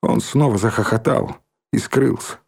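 Gravelly, husky male audiobook narrator. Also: mid-range voice, moderate pace, a little mellow. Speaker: audiobook reader.

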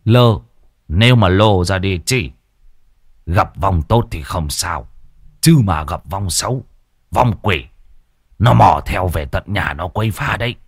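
A stern old village elder, as a male storyteller voices him speaks in a low, slow, husky voice, giving grave warnings. He sounds firm and commanding. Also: lively intonation, no echo, clean studio sound, full character voice. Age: older.

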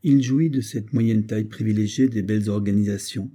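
A man reading a classic story in a measured, ironic narration. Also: fairly low pitch, mellow. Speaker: audiobook reader. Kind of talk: scripted narration.

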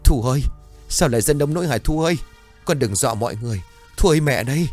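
A man's voice: mid-range voice, lively intonation, quick pace, darkish tone, faint music behind, voice pushed up, natural voice. A man voicing an older village woman who wails over her son in grief. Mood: wailing. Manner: wailing, crying out.

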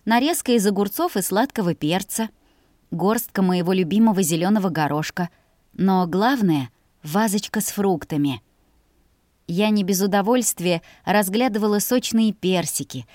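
A woman narrating a story in the first person, lively and ironic in tone. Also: medium pitch, dry recording, clean studio sound. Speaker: audiobook narrator.

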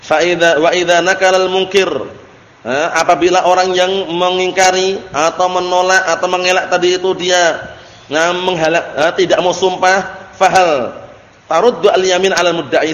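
Indonesian-accented male religious teacher, high voice, recorded in a long-reverb hall, casual explaining style. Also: flat delivery, moderate pace, fairly bright tone. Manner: reads Arabic text then explains in casual Indonesian, asks "paham?"; acts out example disputes in short dialogues. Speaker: Islamic teacher. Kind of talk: religious study lecture.

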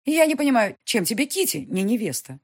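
A woman voicing a domineering aristocratic countess who scolds her grown son, in a husky, high-strung, overbearing voice, as in a period audiobook. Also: big pitch swings, a little fast, a little mellow, exaggerated voice. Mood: scolding. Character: imperious aristocratic middle-aged countess mother.

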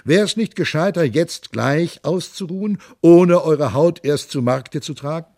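A man's voice: a little high, measured pace, darkish tone, dry recording, clean studio sound, voice pushed up. A man voicing a seasoned, skeptical old male knight who speaks cautiously and questions the others.

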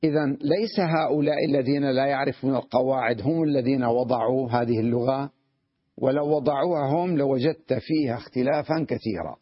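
Husky man teaching Arabic grammar. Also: medium pitch, no echo, dull audio. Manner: explains patiently, checks understanding with repeated questions; sounds out wrong word forms slowly to contrast them. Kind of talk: classroom grammar lesson.

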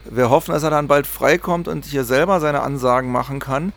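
Creaky-voiced man hosting radio. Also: mid-range voice, a little fast, faint music behind. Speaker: radio host. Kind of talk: community radio announcing, partly read from notes.

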